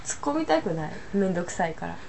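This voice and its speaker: A woman's voice: fairly low pitch, big pitch swings, quick pace, vocal fry, a crowd in the background. Blunt female co-host with swooping intonation. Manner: blunt, dry straight-man reactions. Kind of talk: casual banter.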